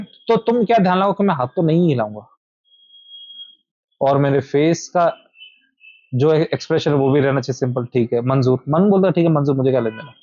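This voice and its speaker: In an indoor meetup room, a man gives an informal meditation lesson to a small group, repeating his points and addressing listeners directly. His voice is a little high and darkish, with no room sound and the highs cut off.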